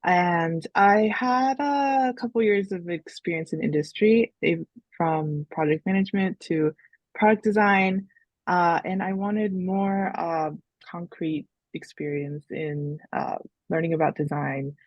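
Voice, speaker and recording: Woman student, lots of ums, lowish voice, muffled dry audio. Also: unhurried, no room sound. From San Francisco Bay Area. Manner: hesitant, with many fillers. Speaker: graduate student. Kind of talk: casual panel introduction. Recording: dull, dry remote audio.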